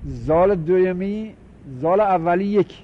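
A man teaching a class on Arabic word patterns, explaining step by step, repeating terms and asking students quick questions. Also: sits high. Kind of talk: classroom lecture, explaining and counting forms. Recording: muffled lo-fi recording.

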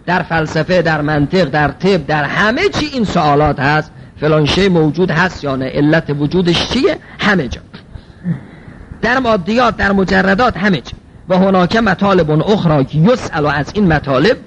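A man's voice: sits high, a little hiss or hum, low-quality recording. A man teaching a seminary-style logic class. He reads Arabic phrases aloud, then explains them in everyday speech, asking rhetorical questions and answering them himself.

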